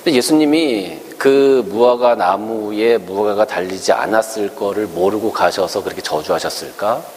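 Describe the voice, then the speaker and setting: A man's voice: lowish voice, normal speed, darkish tone. A male pastor giving a conversational sermon, asking his congregation rhetorical questions and acting out quotes in a raised voice. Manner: acts out quoted speech in a raised voice. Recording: long hall reverb with faint hiss.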